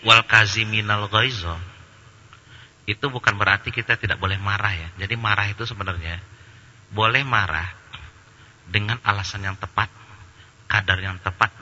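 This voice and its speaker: A man giving a lively religious lecture with a very bright, husky voice. He keeps it humorous and colloquial, acting out little anecdotes. The sound carries a long hall reverb. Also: fairly low pitch, lo-fi sound. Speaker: Islamic preacher answering questions.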